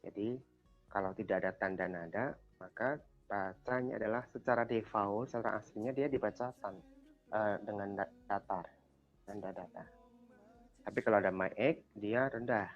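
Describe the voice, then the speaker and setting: A man's voice: on the low side, fairly even intonation, moderate pace, pauses often, muffled recording, faint music behind. A man teaching a language class over a video call, quizzing students and patiently repeating their answers. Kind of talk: online class lesson.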